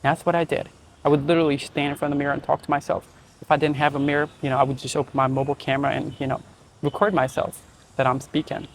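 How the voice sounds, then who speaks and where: A young man with an Indian accent hosts his own channel, talking casually and conversationally to camera and frequently checking in with fillers like "right?" and "you know." His voice is on the high side and level in tone, and he talks fast, with slight background noise.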